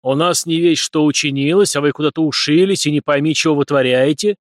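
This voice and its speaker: A man voicing a stern old village priest who scolds loudly and draws out his exclamations. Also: animated, no echo, clean studio sound, close to an everyday voice. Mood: scolding. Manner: booming, drawn-out exclamations.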